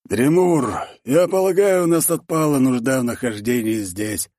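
A cryptic, teasing dwarf mage who hears the mountains whisper, put on by a man reading an audiobook. He speaks higher and slower than the reader's own voice. The tone stays husky and dry. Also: darkish tone, no echo, natural voice. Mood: wry, cryptic. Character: mystical male dwarf mage, wry and cryptic.

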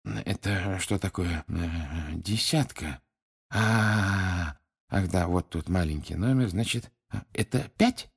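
A man's voice: fairly low pitch, very animated, a little slow, a little mellow, slightly rough, voice pushed up, exaggerated voice. A man voicing a cheerful, eager middle-aged wizard who gets flustered, in an audiobook reading. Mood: hushed.

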